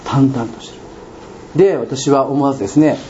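A man with a Kansai accent preaching a sermon as a pastor, telling a story with animated sound words and questions to the congregation. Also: mid-range voice, normal speed. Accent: Kansai Japanese. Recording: dull lo-fi recording with faint room noise.

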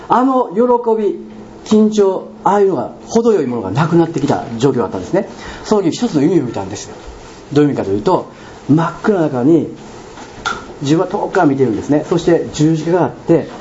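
Animated Kansai-accented male pastor preaching. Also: a little high. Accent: Kansai Japanese. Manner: animated storytelling with questions to the congregation. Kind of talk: sermon. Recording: dull lo-fi recording with faint room noise.

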